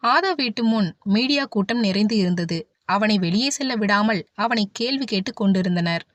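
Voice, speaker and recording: A woman narrating a romance novel as an audiobook, in a steady storytelling manner. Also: medium pitch, normal speed, no room sound. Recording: dull, dry audiobook recording.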